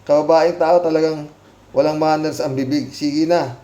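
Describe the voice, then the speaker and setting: A man's voice: on the high side, fairly even intonation, moderate pace, warm tone. A man hosting a casual commentary show, reading out viewer comments with sarcastic, mocking remarks and frequent laughter. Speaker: commentary channel host. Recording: roomy echo.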